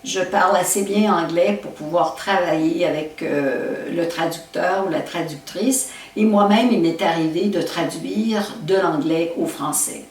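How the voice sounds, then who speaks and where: A woman poet from Quebec with a Québécois accent, answering interview questions in a thoughtful way and often pausing to search for words. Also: fairly low pitch. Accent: Québécois French. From Quebec, Canada. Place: poetry festival. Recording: roomy echo, mic at a distance.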